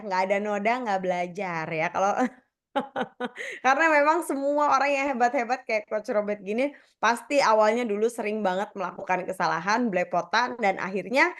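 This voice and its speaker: A woman's voice: medium pitch, normal speed, fairly bright tone. A woman moderating a casual online Q&A, reading audience questions and summing up the answers in a friendly, chatty way. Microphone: video call.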